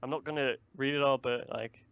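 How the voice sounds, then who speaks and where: A man's voice: medium pitch, steady tone, brisk, creaky, smooth. Man, casual review chat, rambling, swears, dull lo-fi audio. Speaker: co-host of manga review.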